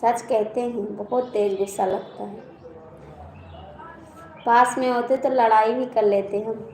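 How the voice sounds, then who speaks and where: A woman's voice: a little high, steady tone, takes it slowly, darkish tone. A woman with an Awadhi accent hosting a casual live stream, chatting with viewers, teasing them and reading out their comments. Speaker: live-stream host and folk singer. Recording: echoey room with faint background noise.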